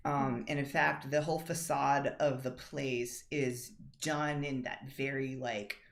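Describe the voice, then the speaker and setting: A woman's voice: very deep voice, fairly even intonation, slow, creaky. A woman narrating as game master of a tabletop role-play in a casual, filler-heavy way.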